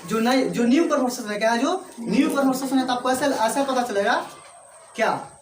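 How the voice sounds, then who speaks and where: A man's voice: extremely high pitch, fairly quick, reverberant, a little hiss or hum. A man teaching English to a class with an Indian accent, repeating points and often checking that students follow. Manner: repetitive, checks understanding often.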